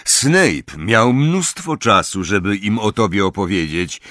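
A man voicing a gruff, scarred old male wizard warrior who barks orders in a raised, slow, growling voice. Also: lowish voice, lively intonation, a bit bright, dry recording, clean studio sound. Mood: brisk orders. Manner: barking, commanding, growling.

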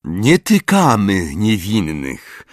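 A proud centaur leader speaks slowly and solemnly , as a male narrator plays him. His measured, stern words rise and fall widely. The recording is dry and close. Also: fairly low pitch, huge pitch swings, no echo, pitched above the performer's own voice, full character voice.

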